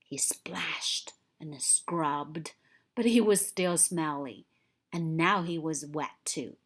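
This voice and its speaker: The reader is a woman with a fairly low voice, sharing a picture book aloud with young children. She tells it expressively, leaning dramatically into the important moments.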